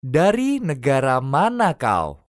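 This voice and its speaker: Slow, lively phrase-drill reader. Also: medium pitch, dry recording, studio quality. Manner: slow, careful, each phrase repeated three times. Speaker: language teacher.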